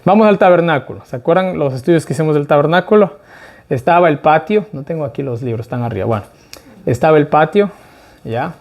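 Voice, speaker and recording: A middle-aged man teaching an informal Bible study, talking with his group, asking them questions and slowing down to stress key words. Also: a little high, expressive, darkish tone, muffled recording. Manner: conversational, asks the group questions, tag "¿ya?".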